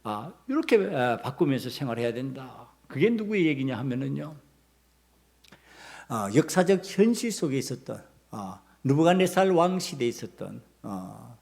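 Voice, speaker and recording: A man's voice: mid-range voice, big pitch swings, normal speed, vocal fry, a little mellow. A man pastor preaching a sermon emphatically, firing off rhetorical questions. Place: church sanctuary. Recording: long hall reverb of a church.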